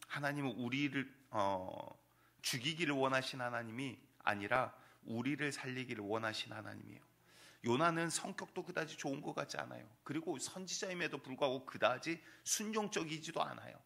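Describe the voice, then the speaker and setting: A man's voice: mid-range voice, vocal fry, sharp tone. A man preaching a sermon as pastor in a church sanctuary, emphatic and full of rhetorical questions to his congregation.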